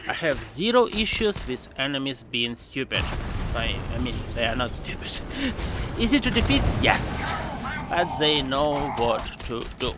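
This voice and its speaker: A man's voice: medium pitch, expressive, moderate pace, heavy background noise. A man narrating a game video essay with sarcastic, mocking humor and jokey asides. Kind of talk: sarcastic voice-over commentary.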